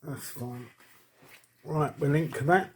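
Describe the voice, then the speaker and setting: A man's voice: fairly high pitch, slow pace, noisy background. A man hosting a casual crafting tutorial, chatty and thinking aloud as he works. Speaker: crafting channel host.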